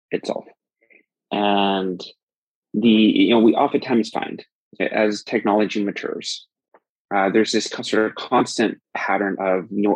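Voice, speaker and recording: On a podcast, a male guest explains things at length, thoughtfully restarting sentences and leaning on fillers. His voice is lowish, a little mellow and slightly rough, recorded roughly with no room sound.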